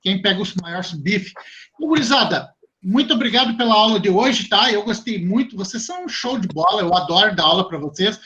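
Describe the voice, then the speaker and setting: A man with a Rio Grande do Sul accent teaching a class, lively and chatty, speaking straight to his students. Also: sits high, fairly quick, dull audio. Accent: southern Brazilian, Rio Grande do Sul. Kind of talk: online class talk to students.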